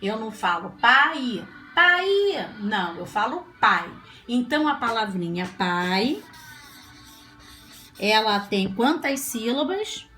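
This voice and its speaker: A woman's voice: mid-range voice, very animated, a little slow, a bit bright, faint music behind. A woman teacher giving a children's classroom lesson, patient and sing-song, stretching out syllables as she sounds out words. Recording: echoey room, faint ambience.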